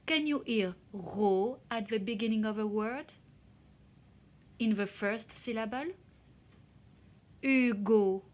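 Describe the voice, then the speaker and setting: A woman teacher explaining a reading exercise to children slowly and carefully, sounding out syllables. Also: fairly high pitch. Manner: slow, careful, spelling out syllables. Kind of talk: slow classroom explanation in two languages.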